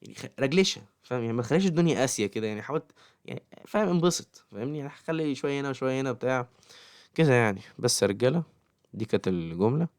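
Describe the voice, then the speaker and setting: Very fast-talking Egyptian man. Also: mid-range voice, lively intonation, a little mellow, no room sound, studio quality. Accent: Egyptian Arabic. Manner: keeps checking in with the listener, talks straight at them. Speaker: YouTuber giving study advice to students. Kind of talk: casual advice monologue.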